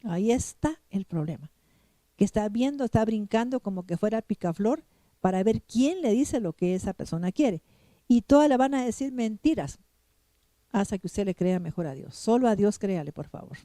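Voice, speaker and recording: A woman preacher delivers a sermon in a deep, mellow, very warm tone. She is emphatic, repeats her phrases and keeps turning to the congregation with direct questions. The sound is close and dry, with no room echo. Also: expressive, normal speed. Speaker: pastor.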